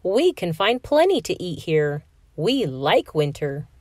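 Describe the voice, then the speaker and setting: A woman voicing a contented flock of cardinals in a children's storybook read-aloud, speaking in a slow, unhurried way. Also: fairly low pitch, sing-song, darkish tone, dry recording, clean studio sound, full character voice. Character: contented flock of winter birds.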